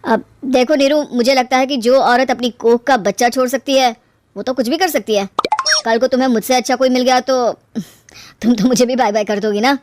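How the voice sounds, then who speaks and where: A woman voicing a smooth-talking young man in a cartoon story, in a slightly lowered, coaxing voice. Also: fairly even intonation, brisk, a little mellow, a little hiss or hum, close to an everyday voice. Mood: taunting. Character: smooth-talking young man, suitor turned taunting husband.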